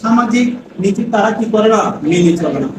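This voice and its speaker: High-voiced male teacher drilling a class. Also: lively intonation. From Bangladesh. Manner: drills students with repeated questions; reads English sentences slowly. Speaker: English lecturer. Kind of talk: classroom lesson with call-and-response. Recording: echoey classroom from far off, noisy.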